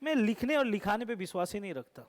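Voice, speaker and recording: A man with a fairly high voice, teaching math in a classroom. He keeps firing the same questions back at the students and teases them as he goes. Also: expressive, fast. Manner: teasing, asks the class repeated questions. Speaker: coaching teacher.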